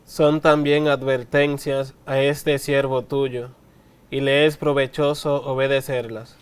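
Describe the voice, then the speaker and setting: Flat, smooth-voiced man reading scripture. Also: mid-range voice, slow pace. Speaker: scripture reader. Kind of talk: reading the Gospel aloud.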